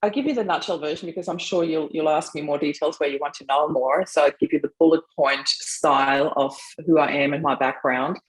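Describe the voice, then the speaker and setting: A middle-aged woman from Austria talks as a podcast guest, telling her story in a relaxed way. She is chatty, laughs readily and fills pauses with "um" and "you know". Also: low voice, rough recording. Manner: chatty, laughs often, trails off with fillers. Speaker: mindset coach. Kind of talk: casual interview.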